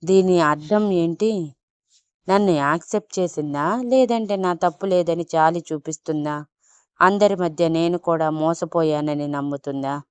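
A woman voicing a young husband who gently coaxes and teases his wife in a spoken love story. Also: fairly low pitch, unhurried, clean tone, no room sound, close to an everyday voice. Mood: wondering. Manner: gentle, coaxing, playful. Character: young husband, tender and teasing.

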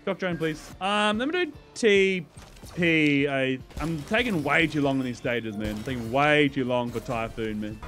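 A man giving casual gameplay commentary as a streamer, excitable, swearing and laughing as he talks to his chat. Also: fairly high pitch, moderate pace, faint music behind. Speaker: gaming YouTuber and streamer.

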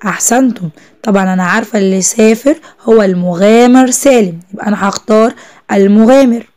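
A young woman with an Egyptian Arabic accent teaching a first-grade Arabic lesson, praising the children and drawing out each word slowly as she spells it. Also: mid-range voice, darkish tone. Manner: drawn-out slow spelling of words, encouraging praise to children.

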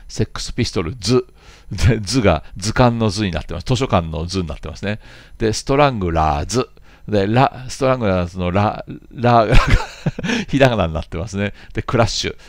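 A man's voice: lowish voice, expressive, brisk, dry recording. A man in his fifties, host of a jazz channel, reading out viewer comments and answering them in a rambling, chatty way with playful asides.

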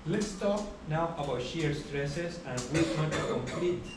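A man's voice: a little high, measured pace. Guy teaching a class, lots of uhs, big roomy lecture hall sound, kinda far off. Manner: steady explaining with frequent uh fillers. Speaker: university lecturer. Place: large lecture hall, indoors. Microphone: far camera at the back of the room. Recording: echoey hall recorded from far off, background hiss.

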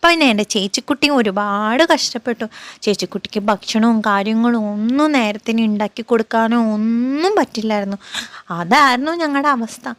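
A woman's voice: a little high, brisk, dry recording, close to an everyday voice. A woman from Kerala speaking as a cheerful little boy who tells his own story in a chatty, coaxing vlog narration. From Kerala, India. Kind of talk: first-person vlog narration as her child.

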